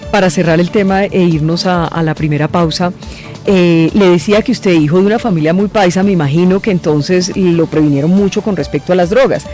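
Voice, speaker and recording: A woman's voice: fairly low pitch, a little fast, warm tone, soft background music. A woman hosting a radio interview, asking direct, probing questions and pressing with follow-ups.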